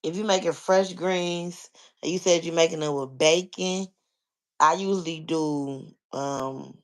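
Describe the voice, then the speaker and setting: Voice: mid-range voice, measured pace. An American vlogger chatting casually with listeners, explaining things step by step and often leaning on filler phrases like "you know.". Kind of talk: casual chat, answering listeners.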